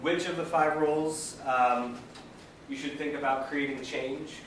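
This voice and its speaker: A male trainer lectures with energy, asking the group questions as he goes. His voice sits fairly high for a man. The room is very echoey, the mic is far away, and a steady noise runs underneath. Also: measured pace. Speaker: peer education trainer.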